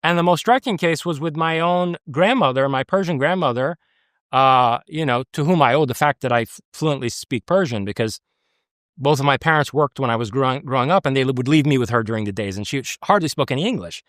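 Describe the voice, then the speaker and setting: In a conversational interview, a guest from the United States talks earnestly and with emphasis, restarting often. His medium-pitched voice is animated, a bit bright, and fairly quick. The sound is studio quality, without echo.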